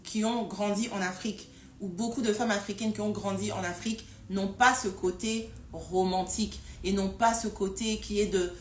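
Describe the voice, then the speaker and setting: A woman's voice: mid-range voice, fairly even intonation, moderate pace. A woman hosting a casual live stream, talking with frequent hesitations, repeated words and fillers. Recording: roomy echo with faint noise.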